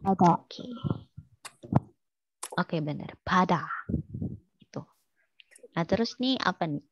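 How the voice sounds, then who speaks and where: A woman with a slightly low voice runs an online language class and keeps asking her students questions. Her chatty talk is full of fillers, and the recording sounds dull and lo-fi in a dry space. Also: lively intonation, slow, no echo. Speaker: Korean language teacher.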